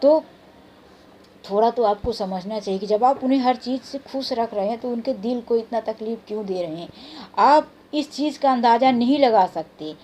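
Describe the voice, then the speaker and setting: A woman's voice: fairly high pitch, moderate pace, a little mellow, slight background noise. A woman vlogger in her thirties giving earnest, plainspoken advice straight to camera. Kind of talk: advice vlog talking to camera.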